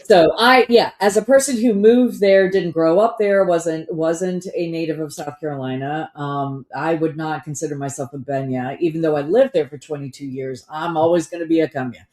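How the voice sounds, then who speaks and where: A woman's voice: deep voice, normal speed, hardly any pauses, darkish tone. A woman co-hosting a podcast in casual, storytelling conversation, recorded in a roomy-sounding space. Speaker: podcast co-host.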